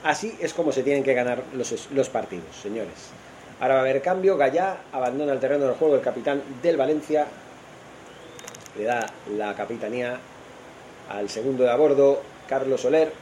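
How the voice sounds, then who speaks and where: A man's voice: mid-range voice, moderate pace, darkish tone, a little hiss or hum, low-quality recording. A man with an accent from Spain giving casual, improvised football commentary, opinionated and thinking aloud as he goes. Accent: Spanish from Spain. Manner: informal and opinionated, thinking aloud and correcting himself. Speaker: football commentator on an online radio stream.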